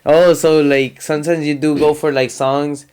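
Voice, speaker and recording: Smooth-voiced laid-back man chatting. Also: a little high, flat delivery, moderate pace, darkish tone. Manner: laid-back slang, often says "you feel me", slips into Spanish. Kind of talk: casual chat.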